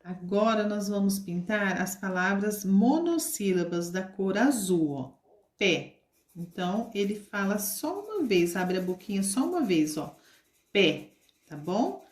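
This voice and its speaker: A woman teacher with a Brazilian Portuguese accent giving a slow, patient lesson to young children, stretching out words as she demonstrates them. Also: medium pitch, big pitch swings, a little mellow, echoey room.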